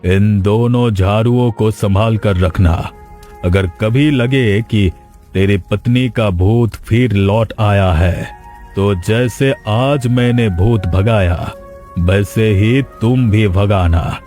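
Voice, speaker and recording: A man voicing a stern, commanding male sadhu in a cartoon, giving slow, threatening orders. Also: fairly low pitch, warm tone, soft background music. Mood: instructing. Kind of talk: cartoon voice acting.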